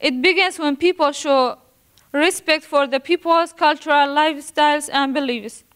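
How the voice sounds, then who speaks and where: A young woman from Iraq, her voice high and a bit bright, reads a student presentation with careful formality. She seems nervous, and the halting delivery includes many restarts of words she trips on.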